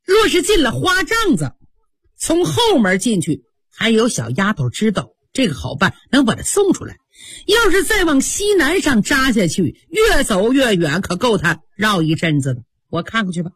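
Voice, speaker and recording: Young maid giving quick orders, woman doing it, husky and dry. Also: a little high, huge pitch swings, no echo, heavily acted. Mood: worried. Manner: urgent, hushed instructions. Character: young household maid, sensible and brisk.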